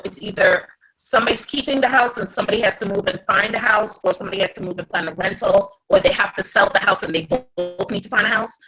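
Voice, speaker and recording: Woman, video call voice cutting in and out, bright tone, breathy husky, chatty. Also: mid-range voice, rough recording. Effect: voice cutting in and out on a video call connection. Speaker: real estate agent and guest caller. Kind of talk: casual chat on a live video hangout.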